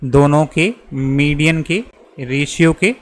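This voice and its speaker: Young male tutor, patient step-by-step explainer, slightly raised pitch. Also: takes it slowly. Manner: patient, repeats and checks with "theek hai". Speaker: maths teacher. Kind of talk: explaining a geometry proof step by step.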